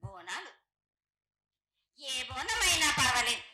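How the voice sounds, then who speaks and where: An extremely high-voiced woman delivers prophecy in a trance, with a Telangana Telugu accent. Her tone is sharp and forceful, chanting in incantatory, repeated phrases as if she were the goddess herself. The sound is roomy and echoing. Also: very animated, slow. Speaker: oracle delivering the annual festival prophecy.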